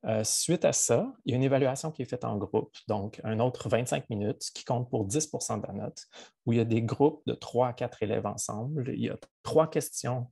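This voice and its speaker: A French-speaking college physics teacher with a Québécois accent gives a webinar presentation over a video call, sounding hesitant and using many fillers. His voice is medium in pitch, husky and dark-toned with vocal fry, at a moderate pace, with no room sound.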